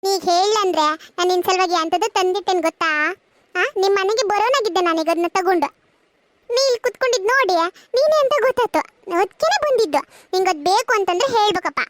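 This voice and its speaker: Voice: extremely high pitch, animated, quick pace, fairly bright tone. Gunda, a performer's chatty cartoon schoolboy. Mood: coaxing. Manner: chatty, coaxing, keeps asking questions. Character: Gunda, lively teasing schoolboy friend. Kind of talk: cartoon voice acting.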